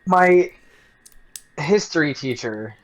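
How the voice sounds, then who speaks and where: A man's voice: on the high side, animated, slow, lo-fi sound. A young adult man co-hosting a casual podcast chat, telling a rambling story with lots of swearing and restarts. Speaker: podcast co-host.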